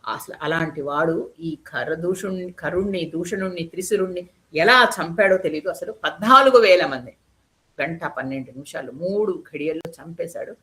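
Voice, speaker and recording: A frightened demon messenger who trembles before his king, as a woman retelling the epic voices him. He speaks in an urgent, awestruck rush about a warrior he cannot believe. The pitch stays in a middle range. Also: normal speed, bright, forceful tone. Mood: awed urgent. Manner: urgent, awed reporting.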